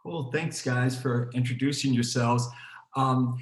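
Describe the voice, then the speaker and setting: A man, a program director, hosts an online student panel in a relaxed way, with many fillers and restarts. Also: mid-range voice, unhurried. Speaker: program director hosting a webinar. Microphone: video call. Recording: roomy, echoey video call.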